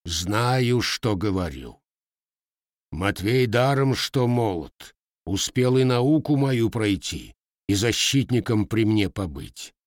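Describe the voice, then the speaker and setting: A man's voice: on the low side, lively intonation, no room sound, studio quality. A man reading a stern old grandfather who speaks firmly and unhurriedly. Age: older. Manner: firm, unhurried, old-fashioned speech. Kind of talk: audiobook character voice.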